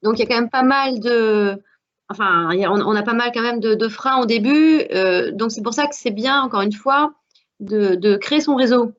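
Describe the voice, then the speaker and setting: A woman's voice: fairly high pitch, normal speed. A woman from France with a French accent, speaking earnestly as a guest with many hesitations in a panel discussion. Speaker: alumna guest. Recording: dull lo-fi audio.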